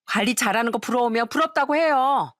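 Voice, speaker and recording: A woman's voice: on the high side, fairly quick, fairly bright tone, no room sound, studio quality, close to an everyday voice. A woman voicing an arrogant younger sister-in-law who talks down to others in a mocking, condescending way. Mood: defiant.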